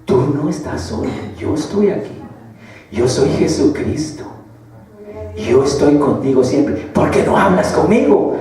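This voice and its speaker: A man voicing the gentle inner voice of Jesus, hushed, low and reassuring, as he retells his testimony in church. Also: lively intonation, measured pace, soft background music. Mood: hushed reassurance. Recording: echoey church hall, mic far off.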